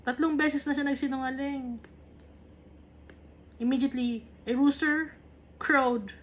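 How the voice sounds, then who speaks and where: A woman from the Philippines teaches a Bible lesson in a fairly high voice. She reads each English verse aloud and then unpacks it in relaxed, chatty Tagalog, tossing in quick tag questions as if talking with a small group. A faint hiss of background noise sits under the recording.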